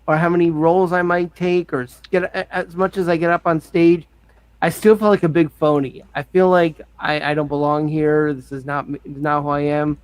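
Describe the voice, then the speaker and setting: A man's voice: a little high, level tone, moderate pace, smooth, no room sound. A man hosting a casual chat, candid and self-deprecating as he muses aloud. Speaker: podcast host.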